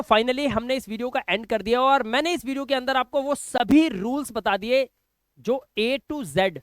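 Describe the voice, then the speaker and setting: A teacher walks through pronunciation rules in an online video lesson, asking questions and answering them. The voice is smooth and resonant. It is recorded close and dry, with no room sound. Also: mid-range voice, dry recording. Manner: addresses the learner fondly as a child.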